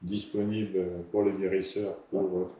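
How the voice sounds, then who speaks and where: A man's voice: sits low, flat delivery, moderate pace, mellow. Guy chatting and explaining, super echoey, far off, bit of noise behind. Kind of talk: casual explanatory talk. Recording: very echoey, distant, faint background noise.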